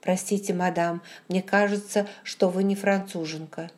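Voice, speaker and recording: A woman reading an audiobook voices a frightened, starving male Protestant pastor who speaks slowly and haltingly. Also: lowish voice, fairly even intonation, a little mellow, lightly acted. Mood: timid, anxious. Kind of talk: audiobook character voice.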